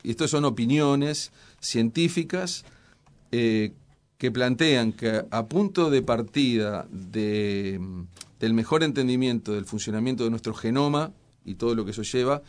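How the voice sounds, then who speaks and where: Measured Uruguayan man explaining science. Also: medium pitch, darkish tone. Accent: Uruguayan Spanish. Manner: measured, explanatory, many hesitations. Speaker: scientist guest. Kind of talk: radio interview answers.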